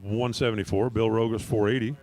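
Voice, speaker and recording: A man's voice: on the low side, fairly even intonation, fairly quick, a little mellow. Joking drag race announcer, a man. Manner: joking, chatty between runs. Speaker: track announcer. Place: outdoor drag strip.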